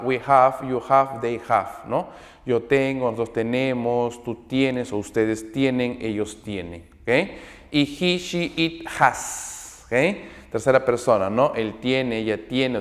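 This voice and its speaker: Male language teacher, mid-pitched, patient and repetitive, frequent check-ins, reverberant room sound. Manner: explains patiently, repeats, checks in with "¿ok?" and "¿no?"; spells out English words slowly, then translates. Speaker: English teacher. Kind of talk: recorded grammar lesson.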